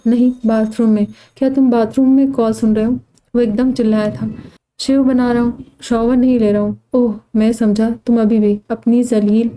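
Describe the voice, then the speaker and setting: A woman with an Urdu accent narrating a romance novel aloud, voicing every character in her own voice. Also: on the high side. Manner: reads all characters in her own voice, even tone. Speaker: audiobook narrator. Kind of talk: scripted novel reading.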